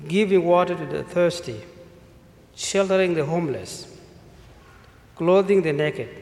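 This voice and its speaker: A male priest from South Sudan giving a measured mission appeal sermon in a church, listing needs one by one. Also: on the high side, creaky. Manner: slow, measured delivery with listed phrases. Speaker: visiting priest. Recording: echoey church with long reverb.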